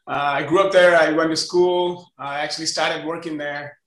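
A man in his forties from Chennai, India, with an Indian accent, is an interview guest and company co-founder casually telling stories in conversation. His voice is on the high side, flat in delivery, at a moderate pace. The recording is rough, in an echoey room.

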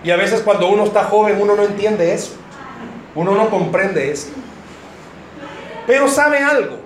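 High-voiced joking pastor. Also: male voice, moderate pace. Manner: joking, addresses the congregation directly. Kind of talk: sermon to married couples. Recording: roomy hall, faint noise.

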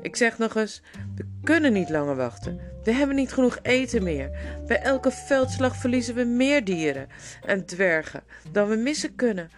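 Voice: medium pitch, sing-song, moderate pace, voice pushed up. A reader voicing an angry, grumbling male dwarf who mocks and scolds the others, with guitar music underneath. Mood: heated. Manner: bitter, mocking, scolding.

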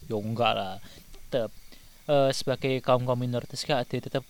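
A man's voice: medium pitch, steady tone, normal speed. A young man with an East Javanese accent, co-hosting a casual podcast in a teasing, mock-lecturing way. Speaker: podcast co-host.

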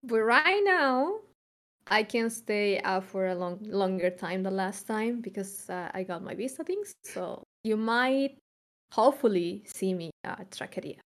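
A woman's voice: medium pitch, animated, unhurried. A young woman from Chile co-hosting a podcast, talking casually and reflectively, with frequent fillers and restarts. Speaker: podcast co-host.

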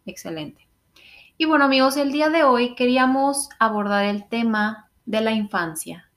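A woman's voice: fairly high pitch, fairly even intonation, normal speed, fairly bright tone. Casual young Mexican woman co-hosting a podcast. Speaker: podcast co-host. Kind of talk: casual chat.

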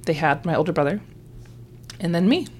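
Deep-voiced easygoing woman podcast host. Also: lively intonation, brisk, slight background noise. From Canada. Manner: easygoing, soft backchannels, laughs often. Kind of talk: casual conversation.

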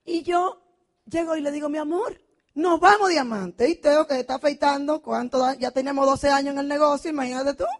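A woman's voice: high-pitched, steady tone, fast. A middle-aged woman telling an emotional testimonial, dramatic and passionate, acting out quoted dialogue. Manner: passionate, dramatic storytelling with vivid quoted dialogue and frequent shouting. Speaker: motivational speaker at a business convention.

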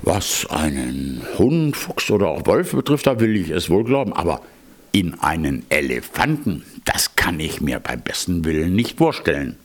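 An older man voicing a scornful, boastful male sorcerer in a low, slow voice. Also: big pitch swings, husky, full character voice.

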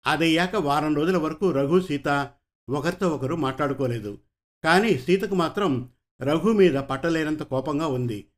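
A man reads a storybook aloud, narrating in an even, measured way. His voice sits a little higher than most men's. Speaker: story reader.

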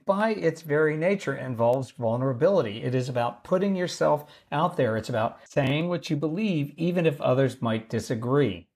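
A man hosting a solo podcast, talking calmly and steadily over a lower-quality mic he uses for video calls while traveling. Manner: calm, measured, explanatory delivery. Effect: lower-quality laptop mic instead of his usual studio mic. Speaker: podcast host. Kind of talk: solo podcast talk on leadership. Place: traveling, recording away from home. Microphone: basic mic normally used for video calls.

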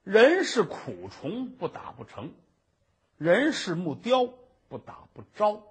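A man voicing a stern, bullying male high court judge who scorns and barks orders. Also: huge pitch swings, slow pace, breathy edge, full character voice. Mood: scornful.

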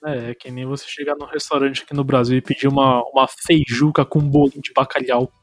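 A man's voice: medium pitch, little pitch movement, quick pace, no room sound, faint music behind. A man with a Brazilian accent hosting a casual podcast chat, talking in a loose, slangy way. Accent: Brazilian Portuguese. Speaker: podcast host.

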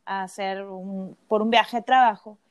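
A podcast co-host who lives in California tells a personal story in casual, chatty conversation packed with fillers. Her voice is medium-pitched with fairly even intonation, and she speaks unhurriedly.

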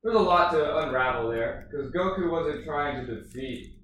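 A man's voice: fairly high pitch, animated, normal speed, fairly bright tone. A man in casual chat who explains things at length and keeps checking in with "right?". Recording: roomy echo, distant mic, faint noise.

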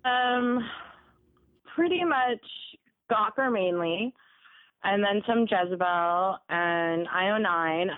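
A woman's voice: mid-range voice, takes it slowly, pauses often. A woman talking over a phone line on speakerphone, chatty and giggly, with lots of "like" fillers, as a guest in a casual phone interview.

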